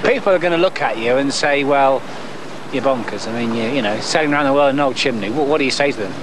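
A man reporting a news feature, narrating and interviewing with a lively, playful delivery. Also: mid-range voice, quick pace, background noise.

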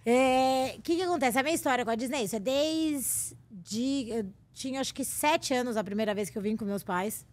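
High-voiced chatty woman from Brazil. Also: moderate pace, few pauses. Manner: chatty, laughing storyteller. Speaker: guest. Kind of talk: casual chat.

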